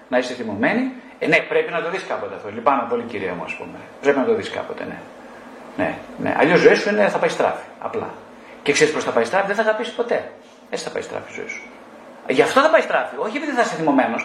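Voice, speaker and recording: Blunt animated male psychotherapist, echoey room. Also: mid-range voice, a little hiss or hum. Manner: blunt, lively, mockingly scolding; addresses listeners directly, with rhetorical questions. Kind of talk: talk to a group.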